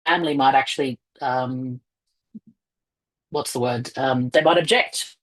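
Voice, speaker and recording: A low-voiced woman presents on a video call through a headset. Her audio keeps breaking up and dropping out over a bad connection. She talks with plenty of fillers and restarts. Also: unhurried, low-quality recording. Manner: explanatory, with frequent fillers. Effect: choppy, breaking-up internet call audio. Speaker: fundraising presenter. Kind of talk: online webinar presentation.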